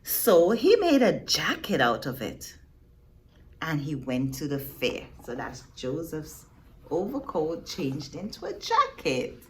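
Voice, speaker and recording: A woman with a low-sitting voice reads a picture book to young children, pausing for emphasis and asking them questions in an expressive, teacherly way. A faint hiss or hum runs underneath.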